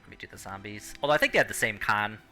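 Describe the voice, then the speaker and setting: A man's voice: on the low side, very fast, sharp tone, faint music behind. A man running a tabletop game as game master, narrating and explaining rules casually.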